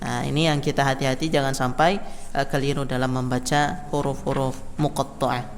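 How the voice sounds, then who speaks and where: A man's voice: medium pitch, level tone, fairly quick, big-room sound, a little hiss or hum. A man teaching a Quran recitation class in a mosque, counting the group in and demonstrating how letters are read. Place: mosque hall. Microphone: microphone in a hall.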